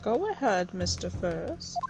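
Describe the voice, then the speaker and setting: A woman's voice: mid-range voice, sing-song, takes it slowly. A woman game streamer in a casual let's play, reading formal game dialogue aloud in a playful mock-formal way with slangy asides. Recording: loud game music behind voice. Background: game music.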